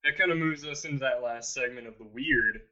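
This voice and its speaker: A man's voice: mid-range voice, fairly quick, sharp tone. A man co-hosting a podcast, chatting in a playful, teasing way. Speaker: podcast co-host. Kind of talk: casual chat. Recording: dull lo-fi sound.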